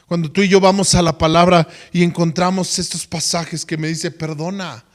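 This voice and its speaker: Man preacher, high voice, animated sermon storytelling with loud bursts. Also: moderate pace.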